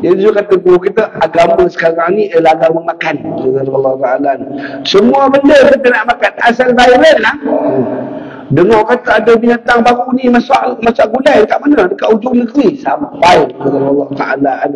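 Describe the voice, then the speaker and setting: Malaysian male preacher, high voice, storytelling sermon, roomy distant recording. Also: a little fast. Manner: storytelling, frequent pious interjections, lively. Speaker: religious teacher. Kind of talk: casual sermon. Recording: echoey room, voice from a distance.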